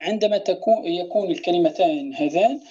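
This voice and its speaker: A woman gives a recitation lesson, patiently explaining each rule and repeating example words slowly to show how they should sound. Her voice is mellow and somewhat husky. The recording is dull and lo-fi. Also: on the low side. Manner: demonstrates pronunciations by repeating words slowly, asks "clear?". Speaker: Quran recitation teacher. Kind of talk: tajweed lesson explaining verse.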